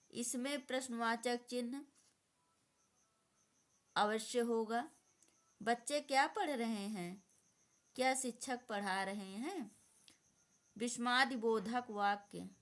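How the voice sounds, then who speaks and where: Slow, measured woman teaching grammar. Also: on the high side, fairly bright tone. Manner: dictating slowly, repeating definitions. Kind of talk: slow exam-prep grammar lesson.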